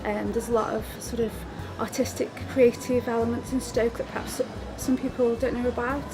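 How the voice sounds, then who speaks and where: A woman gives a tentative interview answer in a fairly high voice, with music clearly behind her. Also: fairly even intonation, normal speed, poor audio.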